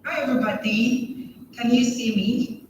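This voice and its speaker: A woman's voice: a little high, measured pace, slight background noise. A woman from Ghana, formally introducing herself to a panel over a video call. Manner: polite, formal greetings, laughs lightly. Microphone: video call played over room speakers. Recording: echoey room audio picked up from far off.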